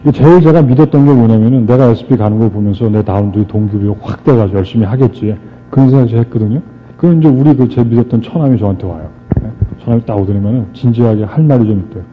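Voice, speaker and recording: A man's voice: mid-range voice, fast talker. Man telling his story on stage, tinny. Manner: animated, re-enacts dialogue and jokes with the crowd. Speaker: motivational speaker. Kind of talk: storytelling speech to an audience. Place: stage before a live audience. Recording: tinny lo-fi archive recording with faint music.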